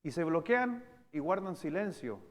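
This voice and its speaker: A high-pitched man with a Chilean Spanish accent preaches in a church hall. His voice rings with a long reverb. He shifts from loud, emphatic bursts to slow, hushed stresses. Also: very animated. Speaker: pastor. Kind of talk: sermon.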